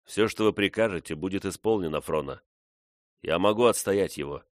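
A man voicing a thoughtful, devoted young man, quiet and earnest, in a read-aloud story. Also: sits low, normal speed, no room sound, clean studio sound, natural voice.

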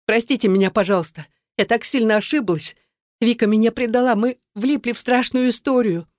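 A terrified young woman whispers and pleads for help while trapped, as the woman reading the story voices her. Her voice sits a little higher and trembles with fear. It is recorded close and dry. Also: fairly quick, darkish tone, dry recording, natural voice. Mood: frightened, pleading.

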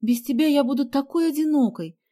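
A woman voicing an eager, warm-hearted young girl in an audiobook. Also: high voice, brisk, pitched above the performer's own voice, close to an everyday voice. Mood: earnest.

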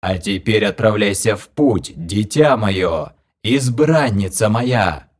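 A slow, gloating undead old woman with a grating, low-set voice, voiced by a male audiobook reader. She drags out each word with solemn menace. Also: lively intonation. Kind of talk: audiobook character voice.

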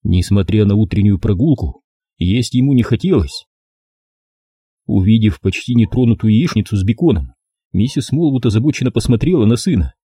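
A man reading a novel aloud as an expressive audiobook narrator. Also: fairly low pitch, moderate pace, slightly rough, no room sound, studio quality. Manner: expressive storytelling. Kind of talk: scripted narration.

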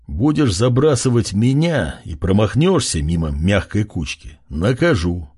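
A man voicing an imperious pale zombie lord who talks slowly and low, with a menacing edge and a husky voice. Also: big pitch swings, a little mellow, full character voice. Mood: mocking.

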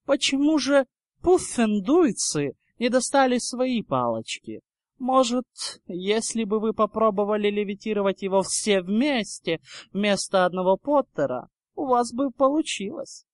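A man voicing an arrogant aristocratic schoolboy with a slow, haughty drawl. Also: high-pitched, expressive, no room sound, studio quality. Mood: sneering.

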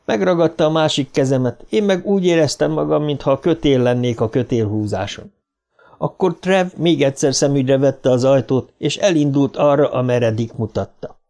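Creaky-voiced male audiobook narrator. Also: mid-range voice, warm tone. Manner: measured first-person storytelling.

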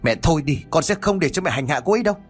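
A man's voice: lowish voice, sing-song, fast talker, soft background music. A man voicing an anxious young husband who begs and pleads in a told story. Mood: defiant. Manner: pleading, urgent.

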